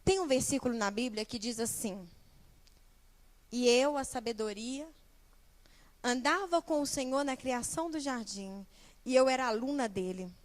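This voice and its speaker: High-voiced young woman preaching. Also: normal speed, pauses often. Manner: animated, speaks directly to the congregation with rhetorical questions. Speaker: guest preacher and small-group leader. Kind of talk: sermon. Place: church.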